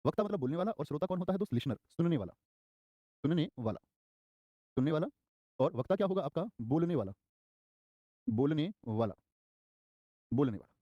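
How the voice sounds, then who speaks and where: Teaching Hindi grammar to an online exam-prep class, this young man is very animated, quizzing students and repeating key terms with energy. His slightly high, mellow voice moves a little fast with frequent pauses, and he raises it to act out short quoted lines. The recording is dry and lo-fi.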